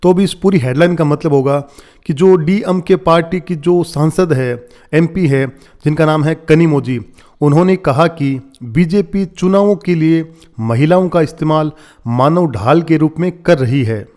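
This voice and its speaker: A man teaching English vocabulary from a newspaper, explaining in Hindi and reading the English phrases slowly and deliberately. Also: fairly high pitch, a little mellow.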